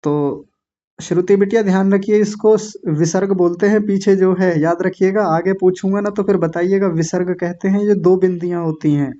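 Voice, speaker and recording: Patient man drilling pronunciation slowly. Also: sits high, fairly even intonation, warm tone, muffled recording. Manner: repeats words slowly, syllable by syllable, with corrective asides. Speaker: Sanskrit pronunciation teacher. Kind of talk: slow patient classroom instruction.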